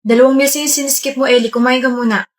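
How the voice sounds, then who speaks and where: A woman with a Filipino accent who plays a caring partner in a comedy skit. Her voice sits a little high, and she coaxes softly and patiently. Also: fairly even intonation, fast. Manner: gentle, coaxing, mixing Tagalog and English.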